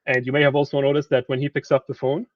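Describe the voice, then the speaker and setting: A man gives a lecture to students in an easy, conversational tone. He often stumbles and repeats words while he looks for the right one. His voice is mid-pitched, and the recording is dry and a little dull. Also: little pitch movement, fast, no room sound. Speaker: translator giving a presentation.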